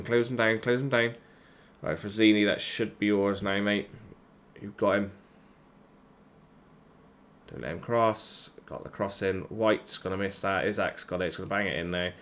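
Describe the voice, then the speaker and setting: Male gamer, lower voice, live reaction commentary, swears and rants at his players. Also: fairly bright tone, a little hiss or hum. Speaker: gaming YouTuber. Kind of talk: live reaction commentary over a football management game.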